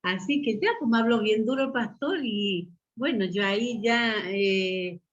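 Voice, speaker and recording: A woman with a Chilean Spanish accent shares her testimony before a church congregation, speaking at a middling pitch. She tells her story warmly and directly, often turning to address her brothers and sisters. The recording sounds muffled and lo-fi. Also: unhurried. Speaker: church member giving testimony. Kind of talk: personal testimony at a church meeting.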